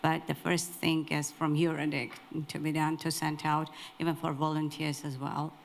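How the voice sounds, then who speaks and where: A woman's voice: low-pitched, little pitch movement, normal speed, creaky, slight background noise. A woman giving an unscripted comment as a meeting participant, hesitantly piecing her phrases together.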